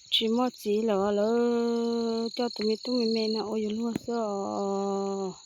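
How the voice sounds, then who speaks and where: High, animated woman chatting loudly. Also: slow, slight background noise. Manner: animated, often raising her voice loudly. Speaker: channel host. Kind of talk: casual chat.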